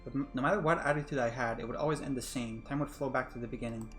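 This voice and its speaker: A man's voice: mid-range voice, rapid-fire, a bit bright, soft background music, close to an everyday voice. A man voicing a young woman stuck in a time loop, narrating her despair in the first person. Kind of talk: narrating a game in character.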